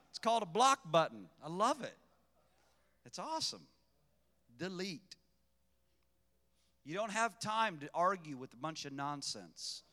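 A man preaching a sermon in a fervent, emphatic manner, with sudden loud bursts. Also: sits high. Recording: long reverb, echoey hall.

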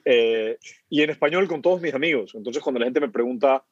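Speaking fairly quickly in a husky, mid-range voice, a startup founder from Ecuador talks casually as a podcast guest. He tends to repeat words as he thinks through this conversational interview. There's no room sound, and the dry recording comes across dull and muffled.

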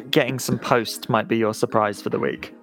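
A man's voice: medium pitch, sing-song, a little slow, gravelly, fairly bright tone, faint music behind. Jokey, rambling man. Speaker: podcast host. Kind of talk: casual chat.

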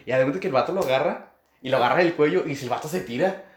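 A young man with a Mexican accent tells a story in a casual chat, talking in an animated way full of slang. His voice sits a little high. The room around him echoes. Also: very fast, a loud crowd. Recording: roomy echo.

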